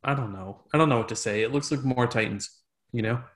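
A man hosting a casual podcast chat, relaxed and trailing off into mumbled asides. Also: mid-range voice, fairly quick. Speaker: podcast host.

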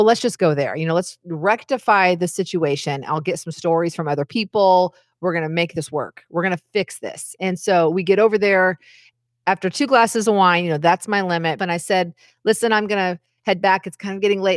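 Chatty woman podcaster, low dry voice. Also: no room sound. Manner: chatty, candid and self-deprecating. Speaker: podcast host. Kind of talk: casual storytelling monologue.

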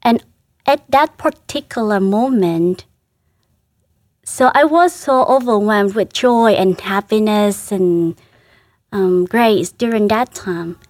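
A Vietnamese religious sister, speaking English with a Vietnamese accent, shares an emotional personal reflection in an interview. She talks gently and earnestly, often restarting and laughing softly, with a medium-pitched voice at a slow pace. The studio recording is clean, with no room sound.

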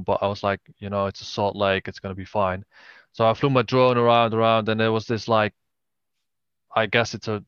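A man giving a casual interview as a podcast guest, speaking haltingly with many hesitations. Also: lowish voice, fairly bright tone, smooth, dry recording, dull audio. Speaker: podcast guest, travelling videographer and drone photographer.

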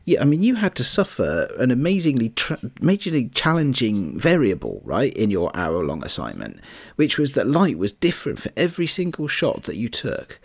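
A man chatting casually as a podcast panelist, halting and repeating his words, with a self-deprecating way of talking. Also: mid-range voice, wildly swooping pitch, dry recording. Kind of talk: casual chat.

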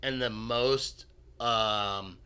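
A man co-hosting a podcast in casual chat, telling rambling, profane stories with quick asides. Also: mid-range voice, fairly even intonation, sharp tone, smooth. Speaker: podcast co-host.

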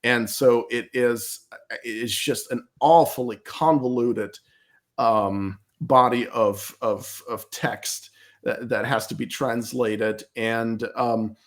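Speaking in a medium-pitched voice, this emphatic man offers commentary as an interview guest. German is his first language, and he argues his points forcefully, frequently repeating words as he hunts for them.

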